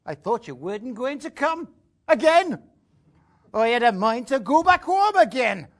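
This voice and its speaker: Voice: mid-range voice, big pitch swings, measured pace. A performer playing a jealous young man, reciting a dialect verse dialogue with a blustering, reproachful manner. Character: young male country lover, jealous and hot-tempered.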